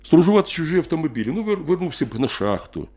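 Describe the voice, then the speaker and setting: A man's voice: on the high side, sing-song, racing, dark tone, pitched above the performer's own voice. A man voicing a nagging, well-meaning male visitor who keeps urging his friend. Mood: pleading. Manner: nagging, persuasive.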